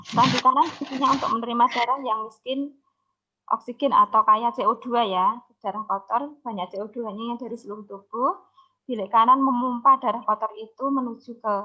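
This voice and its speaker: A woman teacher with a fairly high voice walks students through an exam review online, step by step. She repeats key words and keeps checking that they follow. The sound is dull and lo-fi, like a video call. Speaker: science teacher.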